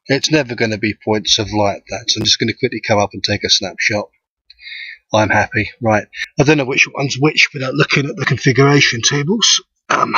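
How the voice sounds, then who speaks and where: A man, an amateur astronomer, gives a live how-to commentary outdoors, thinking aloud as he works, his voice thin and tinny with no bass. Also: pushed and bright, slightly rough, no echo. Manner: thinking aloud while working. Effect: thin tinny sound with no bass. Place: outdoors at night. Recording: dull lo-fi outdoor recording.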